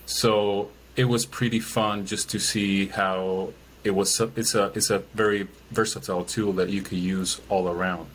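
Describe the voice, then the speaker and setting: A man's voice: lowish voice, little pitch movement, unhurried, a little hiss or hum, low-quality recording. A man from Chile, a guest in an interview, talking casually with many fillers and restarts. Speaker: guest, business owner.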